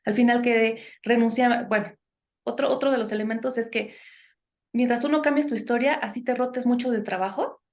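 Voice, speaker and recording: A woman's voice: on the high side, steady tone, fairly quick, darkish tone. A woman, a guest in a conversational podcast interview, giving earnest advice and often tagging her sentences with questions and "este" fillers. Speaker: guest speaker on impostor syndrome.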